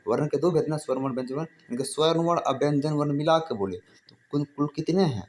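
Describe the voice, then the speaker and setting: A man's voice: fairly high pitch, fast, a little mellow, slight background noise. A man teaching Hindi grammar in a casual classroom style, repeating points and asking and answering his own questions. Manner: casual, addresses listeners as brother. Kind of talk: informal classroom-style explanation.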